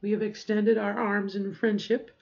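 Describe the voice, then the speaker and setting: A woman's voice: medium pitch, level tone, normal speed, gravelly, darkish tone. Woman in her 40s, chatty and rambly, giving advice to camera, kinda dull lo-fi sound. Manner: rambling, self-correcting, chatty. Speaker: vlogger. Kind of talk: casual advice monologue.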